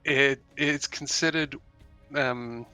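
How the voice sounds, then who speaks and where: A man makes casual conversation in a bright, mid-pitched voice. His delivery is hesitant, with stammered starts, and music plays in the background. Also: fairly even intonation, slow pace, clean tone, no room sound. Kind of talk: casual chat.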